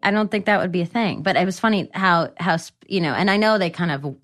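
A woman in casual podcast chat, laughing often and acting out scenes in quick little impressions. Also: fairly low pitch, a bit bright. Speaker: podcast co-host.

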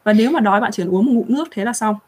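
A young woman hosting a casual live chat, answering viewer questions in a chatty, animated way. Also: a little high, very fast, breathy edge. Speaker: livestream host.

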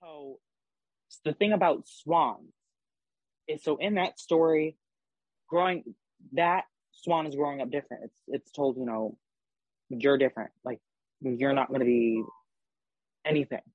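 Husky, emphatic young man hosting a podcast. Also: a little high, fairly even intonation, measured pace, long pauses, no room sound, highs cut off. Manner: emphatic, swears freely. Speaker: podcast host. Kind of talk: casual podcast chat.

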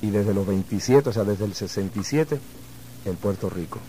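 A man from Uruguay, a guest musician answering interview questions in a reflective, measured way. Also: lowish voice, mellow, a little hiss or hum, low-quality recording.

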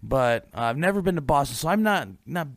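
A man's voice: a little high, brisk, no room sound, studio quality. A man co-hosting a paranormal podcast, reading a ghost story aloud and then chatting casually with hesitant fillers. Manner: animated, hesitant in chat with fillers. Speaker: podcast co-host.

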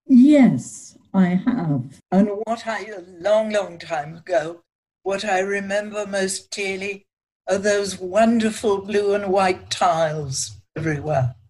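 An older woman speaks as a podcast guest. She answers at a slow, measured pace, with a slightly husky tone, and she sounds reflective. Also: medium pitch, darkish tone. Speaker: guest, culinary historian. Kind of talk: podcast interview.

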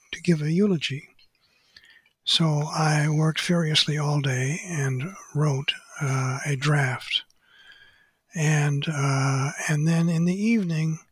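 An older man, an author being interviewed, recounting stories slowly and hesitantly with many pauses. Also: on the high side, husky, no echo. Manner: hesitant, many "uh" pauses, quotes others in a hushed voice. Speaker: author and photographer interviewed as guest. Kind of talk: unscripted storytelling interview.

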